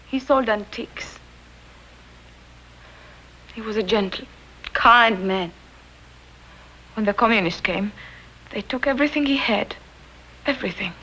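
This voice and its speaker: A woman's voice: on the high side, a bit bright, low-quality recording. An actress playing a guarded young immigrant mother, terse and defensive. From Czechoslovakia. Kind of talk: 1950s television drama acting.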